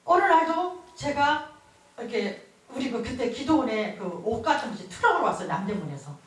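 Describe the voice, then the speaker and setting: A woman pastor giving an emotive revival sermon, telling her own story with bursts of laughter. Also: a little high. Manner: emotive storytelling preaching, laughing as she talks. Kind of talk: revival sermon with personal testimony. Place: large church hall at a revival meeting. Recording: echoey hall heard from far off.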